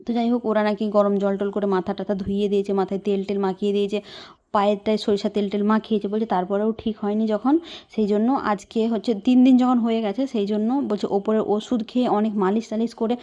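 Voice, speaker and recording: Casual vlogger, woman, soft worried narration, monotone, muffled home recording. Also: medium pitch, fast talker. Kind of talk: casual personal vlog.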